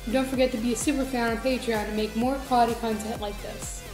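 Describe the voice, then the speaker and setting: A woman's voice: a little high, steady tone, fast talker, roomy sound, over loud music, rough recording. A woman hosting a casual taste-test video, chatting to viewers in a giggly manner. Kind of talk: casual chat to camera.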